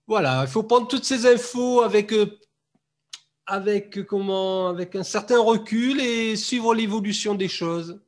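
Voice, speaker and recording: A man with a notably high voice hosts a relaxed chat over a video call. He talks hesitantly, trails off mid-phrase and drops into soft asides. The sound has the thin quality of a call. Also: unhurried.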